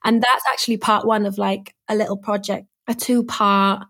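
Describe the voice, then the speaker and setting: A woman's voice: mid-range voice, level tone, normal speed, fairly bright tone. A young woman from Swansea with a Welsh accent, chatting casually and informally as an interview guest. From Swansea, Wales. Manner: informal, frequent "like". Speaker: guest, singer and music artist. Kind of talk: casual chat.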